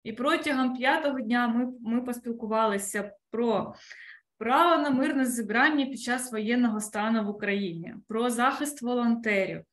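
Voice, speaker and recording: A woman's voice: on the high side, normal speed, fairly bright tone. A woman moderating and closing an online conference in a formal, earnest way, with hesitant fillers, over a video call. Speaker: moderator and event coordinator.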